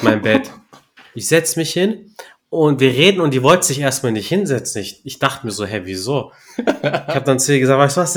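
A young man telling a story in relaxed podcast chat, slangy and laughing at his own punchlines. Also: mid-range voice. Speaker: podcast co-host. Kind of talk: casual storytelling.

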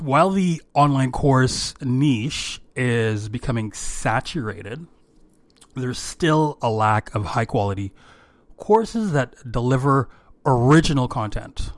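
A man hosting an informal solo podcast of business tips in a strained, worn voice, speaking haltingly and often repeating words. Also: mid-range voice, lively intonation, no room sound. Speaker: podcast host, creative director.

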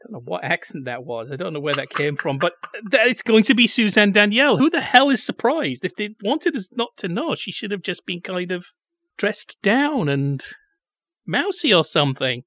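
Guy reviewing an old comedy film, bright sardonic voice, jumps all over the place, dry sound. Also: high voice, no echo. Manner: sardonic, animated, does quick silly voices. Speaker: podcast co-host. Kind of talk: casual film review chat.

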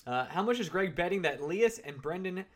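Podcast host guy, lively up and down voice, kinda high, casual sports chat. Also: a little fast.

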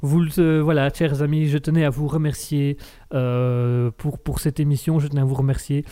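A man's voice: fairly high pitch, flat delivery, normal speed, mellow. Playful rambling male live-stream host. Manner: playful, rambling, self-mocking, laughs often. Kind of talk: casual live-stream chat.

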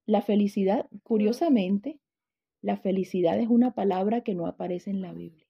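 A woman's voice: mid-range voice, normal speed, creaky, husky, lo-fi sound. A woman teaching a Bible lesson, telling stories and putting questions to her class.

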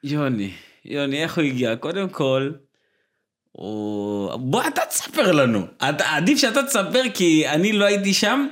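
A man, co-hosting a podcast, who teases his friend and throws in quick remarks. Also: a little high, big pitch swings, fairly bright tone. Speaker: podcast co-host. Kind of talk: casual chat.

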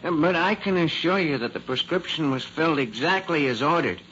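Prim, higher-pitched druggist. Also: male voice, animated, normal speed, pushed and bright. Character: prim, polite, disapproving male druggist. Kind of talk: old-time radio drama acting. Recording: noisy, muffled old radio recording.

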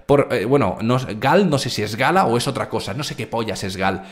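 Brash, lively man streaming market talk. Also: mid-range voice, brisk. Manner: brash, crude, animated, talks straight to chat. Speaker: crypto trading streamer. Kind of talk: live stream market commentary.

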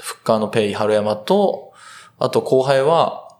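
A young man in his twenties, a rugby player answering interview questions earnestly and thoughtfully, with many pauses and fillers. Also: medium pitch, animated, darkish tone. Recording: roomy echo.

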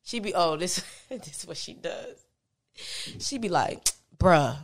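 Deep-voiced woman chatting on a podcast, laughs a lot, easygoing. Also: a little slow. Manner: laughs often, relaxed and conversational. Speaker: guest, business founder. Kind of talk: casual interview chat.

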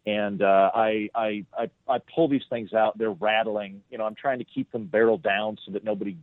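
A man's voice: fairly low pitch, steady tone, normal speed, no echo. A male comedian telling a rambling, self-deprecating story as a podcast guest, on a tinny, dry phone-like line.

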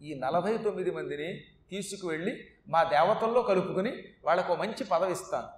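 A man's voice: high voice, a little fast, recorded from a distance, natural voice. A man voicing a scheming male god who humbly pleads and promises to serve. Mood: begging. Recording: echoey room.

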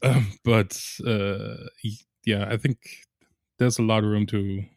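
A man's voice: on the low side, fairly even intonation, slow, vocal fry, darkish tone, no echo, clean studio sound. A man co-hosting a movie podcast, speaking hesitantly with many ums and restarts. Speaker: podcast co-host. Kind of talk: casual chat.

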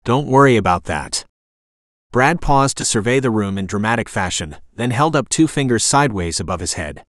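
A man narrating an audiobook in the first person with expressive storytelling. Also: on the low side, brisk, dry recording, studio quality.

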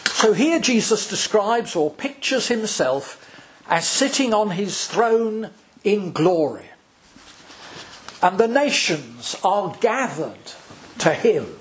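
A male priest preaching a sermon, slow and deliberate, with dramatic pauses between phrases. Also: high voice, sing-song.

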